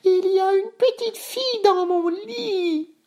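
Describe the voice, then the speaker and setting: A man voicing a whiny little bear cub in a storybook reading, in a very high, slow, stammering voice. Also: darkish tone.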